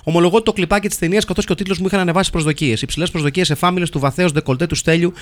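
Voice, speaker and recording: A man hosting a comedy show, reading listener film reviews in a wry, mock-solemn deadpan. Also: on the high side. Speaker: host reading listener comments.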